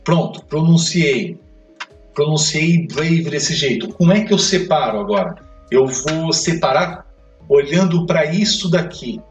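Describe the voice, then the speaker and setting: A man teaching an English grammar lesson, explaining step by step and checking in with quick questions. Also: a little high, expressive, lo-fi sound. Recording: echoey room, mic far off, faint music.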